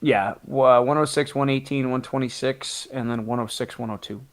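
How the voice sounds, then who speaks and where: A man's voice: medium pitch, fairly even intonation, brisk, no room sound. A man co-hosting a casual chat, making dry, teasing remarks.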